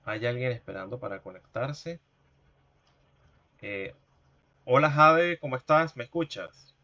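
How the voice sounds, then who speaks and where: A man teaching an online linguistics class, explaining slowly and patiently, repeating key terms and asking rhetorical questions. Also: mid-range voice, lively intonation, bright, forceful tone, no room sound, highs cut off.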